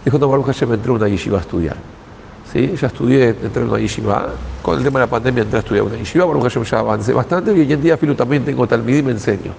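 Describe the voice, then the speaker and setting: A male rabbi with an Argentine Spanish accent gives a Torah talk, telling a story and acting out each line of the dialogue. His mid-range voice has a gravelly edge. A faint hiss sits behind him. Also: mid-range voice, rapid-fire, few pauses, in a large hall, low-quality recording. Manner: lively storyteller, acts out dialogue in quoted voices.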